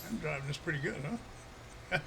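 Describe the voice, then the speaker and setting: A man with a froggy, slightly hoarse voice chats casually with viewers on a live stream while playing a farming game, easygoing and chuckling, addressing chat members by name. His voice is a little high and animated at a normal pace, over a noisy background.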